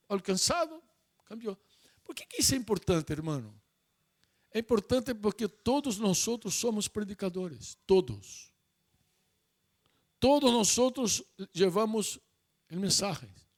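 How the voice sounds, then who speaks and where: High-voiced man preaching a sermon. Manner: mixes Portuguese and Spanish, emphatic repetitions.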